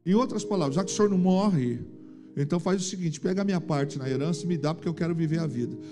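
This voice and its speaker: A man voicing a brash young son who dismissively demands his share, in a rushed tone. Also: a little high, music in the background, pitched below the performer's own voice, close to an everyday voice.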